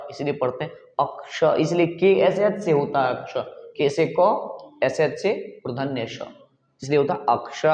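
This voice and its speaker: A man's voice: on the high side, darkish tone. Guy teaching pronunciation, drills words over and over, dull lo-fi echoey sound. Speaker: English teacher. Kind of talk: pronunciation lesson.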